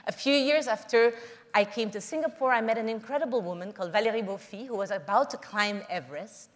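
A middle-aged woman from the Philippines giving an earnest, measured public talk, telling personal stories to an audience. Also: on the high side, long reverb tail. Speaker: conference speaker.

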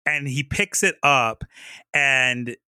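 A man's voice: mid-range voice, slow, clean tone, no echo. A man co-hosting a podcast, retelling a funny story in a casual chat, acting out the quotes and laughing often. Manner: animated storyteller, acts out quotes, laughs a lot. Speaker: podcast co-host.

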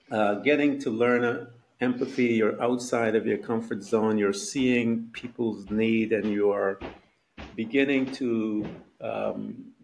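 A man from Guyana hosts the interview, urging listeners on in a motivational way. His voice is very low and gravelly. His pitch stays flat and even. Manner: encouraging, motivational. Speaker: podcast host. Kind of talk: podcast interview.

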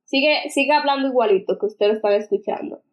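A young woman, co-hosting a casual chat in a relaxed, conversational way. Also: fairly high pitch, quick pace, highs cut off. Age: young adult.

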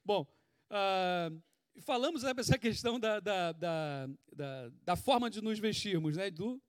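A Brazilian-accented man preaches a sermon with a conversational, animated delivery, throwing out rhetorical questions as he goes. His voice sits high for a man and is recorded dry and close, with no room sound. He is sweating as he talks. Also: measured pace, dry recording. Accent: Brazilian Portuguese. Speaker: pastor.

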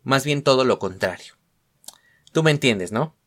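Rambling young Mexican podcast host. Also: male voice, medium pitch, lively intonation, a little slow, fairly bright tone. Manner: rambling, slangy and self-mocking, full of fillers. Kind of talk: casual solo podcast monologue.

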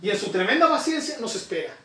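A man preaching a sermon to his congregation, emphatic, with sudden shouts and slow repeated lines. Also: very high-pitched, very animated, roomy sound. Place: church.

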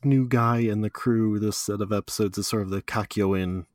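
A man's voice: fairly low pitch, fairly even intonation, normal speed, no room sound. A man co-hosting a podcast, chatting casually and teasing his co-host with dry humour. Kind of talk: casual chat about an anime.

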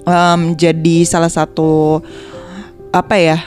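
A woman's voice: deep voice, completely flat delivery, takes it slowly, darkish tone, faint music behind. A woman co-hosting a casual podcast about relationships, conversational and full of fillers. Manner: conversational, lots of fillers and agreement. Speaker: podcast co-host.

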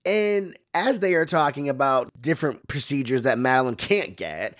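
A man's voice: animated, moderate pace, a bit bright. A man hosting a podcast, recapping a movie in a casual, campy way, full of "like" and acted-out quotes. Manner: chatty, campy, fillers like "like"; acts out characters' lines in higher voices. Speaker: podcast host.

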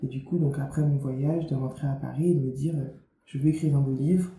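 This guest is an author and media founder from Guadeloupe, a young woman whose extremely low, mellow voice stays steady and moves fairly quickly. She talks chattily in her interview, restarting often and leaning on fillers. The room sounds roomy, with faint noise behind her.

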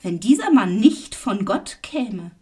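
A woman voicing a man born blind and now healed, read slowly in a Bible reading. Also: medium pitch, sing-song, darkish tone, breathy edge, full character voice. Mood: earnest. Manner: slow, plain reading voice.

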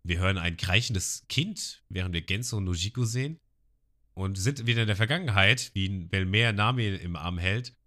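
Podcast guy retelling an anime ep, low-ish but bright punchy voice. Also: normal speed. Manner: retells scenes and acts out the lines. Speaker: podcast co-host. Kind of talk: casual episode recap.

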